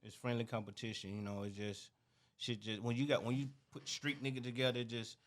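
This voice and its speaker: A man's voice: medium pitch, little pitch movement, brisk. A man, a record label founder speaking as an interview guest in blunt street slang, often repeating himself. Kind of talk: casual interview talk.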